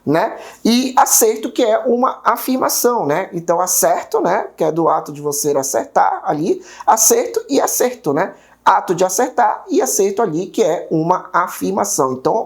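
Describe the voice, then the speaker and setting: A man with a high, gravelly voice and a Brazilian Portuguese accent teaches an exam-prep video lesson. He explains things step by step in an explanatory manner, constantly tagging his sentences with questions.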